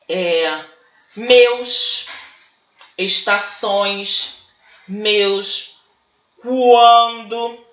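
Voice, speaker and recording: A woman teacher, slowly working through textbook exercises and breaking words into syllables. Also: a little high, bright, forceful tone. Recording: dull, echoey room recording.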